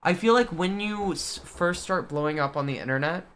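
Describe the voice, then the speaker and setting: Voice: medium pitch, normal speed, fairly bright tone, a little hiss or hum. A young adult content creator from the US Midwest, chatting casually on a livestream in a playful, joking manner and talking to the chat. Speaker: guest content creator and streamer.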